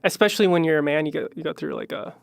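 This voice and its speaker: A young musician from Chicago, Illinois, guesting on a casual podcast interview, races through a rambling story full of fillers and little phrases that trail off. His voice sits higher than most men's and carries a gravelly fry. He's recorded up close in a dry room with no echo.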